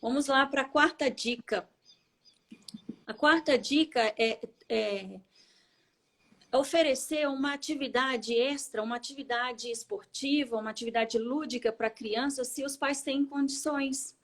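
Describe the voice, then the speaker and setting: A woman's voice: high-pitched, a little slow, a bit bright. A woman with a Brazilian Portuguese accent, co-hosting a casual chat and explaining parenting tips, often adding tag questions. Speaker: co-host giving parenting tips.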